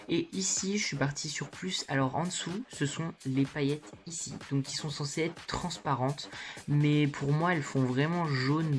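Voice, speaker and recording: A woman chatting informally and candidly to viewers in a slangy, casual makeup haul vlog, recorded in her bedroom. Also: low voice. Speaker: beauty vlogger.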